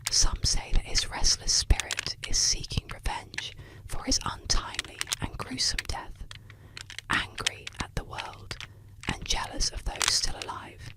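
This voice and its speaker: A soft, breathy whispered ASMR narration of eerie folk legends, delivered slowly and soothingly to help listeners sleep. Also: rough recording.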